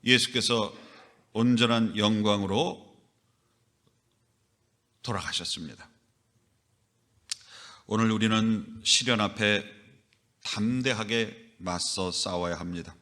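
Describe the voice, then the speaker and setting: Forceful bright-voiced male preacher. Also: on the low side, takes it slowly, pauses often. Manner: emphatic preaching with sudden loud rises and acted scolding. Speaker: pastor. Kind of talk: Sunday sermon.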